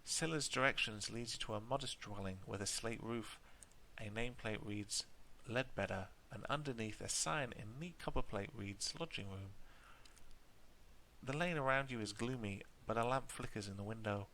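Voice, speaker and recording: A man's voice: on the low side, moderate pace, few pauses, bright, forceful tone, slight background noise, poor audio. A man playing a tabletop game on his own, reading the gamebook aloud and breaking off for hesitant asides. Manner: hesitant asides with fillers and restarts. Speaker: solo tabletop game player.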